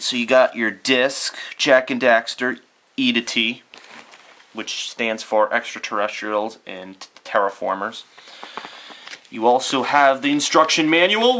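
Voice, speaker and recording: Bright-voiced young man rambling through an unboxing. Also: mid-range voice. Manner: rambling, swears casually, thinks aloud. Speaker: YouTuber doing an unboxing. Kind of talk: casual unboxing commentary. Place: bedroom.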